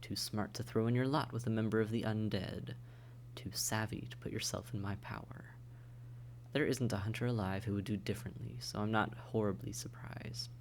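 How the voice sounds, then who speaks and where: In an intimate audio roleplay, a man plays a suave, condescending vampire addressing the listener. His lowish, creaky voice is polite, wry and articulate, teasing in a mocking yet resigned mood.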